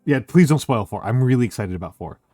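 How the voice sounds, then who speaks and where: A man chatting casually as a streamer, excitable and rambling, leaning on filler words like "like". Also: mid-range voice, fast, no echo, clean studio sound, soft background music. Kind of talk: casual chat.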